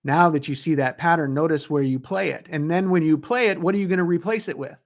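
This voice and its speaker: High-voiced man giving a motivational talk. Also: fast. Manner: emphatic, asks rhetorical questions, acts out inner thoughts. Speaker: motivational coach.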